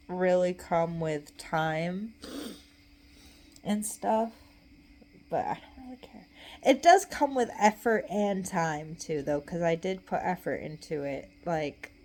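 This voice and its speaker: A woman's voice: fairly low pitch, a little mellow. A young adult woman in a casual, rambling solo chat, talking in a loose, tipsy, giggly way and trailing off mid-thought. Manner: tipsy, loose, meandering drunk talk. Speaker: vlogger.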